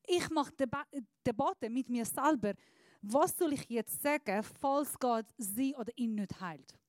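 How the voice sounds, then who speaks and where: A woman preaches a searching, earnest sermon in a fairly high voice. She often sinks into a soft, low tone. The sound is dry, with almost no room echo. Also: animated, measured pace.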